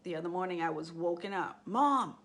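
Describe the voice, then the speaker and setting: A woman's voice: lowish voice, a little slow, fairly bright tone, slight background noise. A woman teaching a live class on intuition, talking in a conversational way and asking the group questions.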